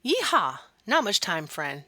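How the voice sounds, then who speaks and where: A woman's voice: medium pitch, sing-song, a little slow, bright, forceful tone, dry recording, full character voice. A woman voicing a melodramatic old male farmer from a video game, folksy and theatrical. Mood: folksy, eager. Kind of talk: video game character read-aloud.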